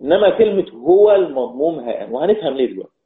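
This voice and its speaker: A man's voice: a little high, very animated, a little hiss or hum. A man with an Egyptian accent teaching a Quran recitation lesson, explaining step by step and putting questions to his students. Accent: Egyptian Arabic. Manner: chants verse lines slowly. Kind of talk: recorded online lesson. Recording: tinny phone-like line.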